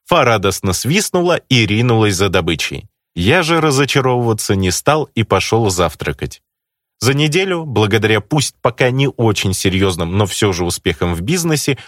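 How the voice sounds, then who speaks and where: A man reads a first-person audiobook in a low voice. His pitch swings widely as he tells the story, and the recording is dry and close, with no room sound. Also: dry recording. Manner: expressive, animated storytelling. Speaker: narrator.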